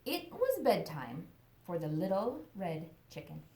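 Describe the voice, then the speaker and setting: A woman's voice: fairly low pitch, sing-song, measured pace, warm tone, slight background noise. Woman reading aloud in an echoey room. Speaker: storybook reader. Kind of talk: animated read-aloud for children. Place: indoor room. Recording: echoey, roomy sound.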